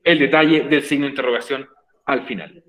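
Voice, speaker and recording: In a rough, reverberant recording, a man with a mid-range, somewhat bright voice explains an English lesson in Spanish to a virtual class at a fairly quick pace. He is patient, repeats himself, and keeps asking "ok?" to confirm students understand.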